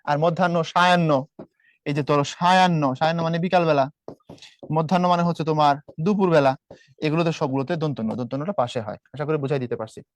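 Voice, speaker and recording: A quick-talking man from Bangladesh running an exam prep lesson, his voice sitting a little high. He fires rhetorical questions at his students between answers, recorded close and dry with no room sound. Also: dry recording.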